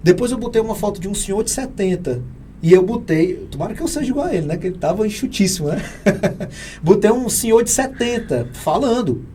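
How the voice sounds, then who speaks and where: A man with a Brazilian Portuguese accent answering interview questions in an energetic, emphatic, teacherly way, often posing rhetorical questions. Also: high-pitched, a little fast, a little hiss or hum. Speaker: real estate AI consultant guest.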